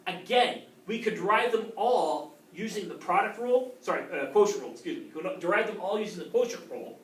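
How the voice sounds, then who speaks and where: A male math teacher lectures his class in a high-pitched, animated voice, talking fast and often checking in with "okay?". The audio is roomy, captured by a distant camera in the classroom.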